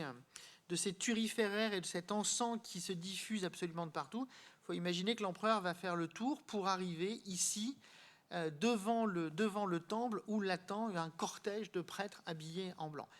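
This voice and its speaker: A man giving a live art history lecture, explaining to his audience directly, halting and searching for words with frequent repeats. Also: high-pitched.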